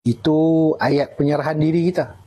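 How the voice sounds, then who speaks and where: A man's voice: fairly high pitch, moderate pace, mellow. A middle-aged man with a Malaysian Malay accent, a retired army officer chatting casually on a live stream, answering viewer comments and joking.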